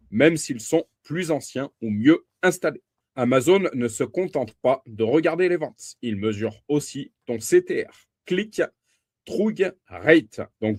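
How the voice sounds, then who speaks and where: Male reader, mid pitch, dry close mic, emphatic on key terms. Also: a little mellow, no room sound. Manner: addresses listener as tu, occasional slips and self-corrections. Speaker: book reader and reviewer. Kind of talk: reading a book summary aloud.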